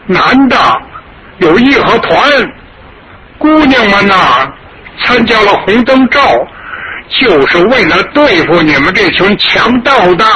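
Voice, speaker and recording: A fearless old village grandfather, put on by a man telling the story, shouts back in a raised, indignant voice. His lines come through a noisy old radio recording. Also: full character voice. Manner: loud, indignant, raised pitch.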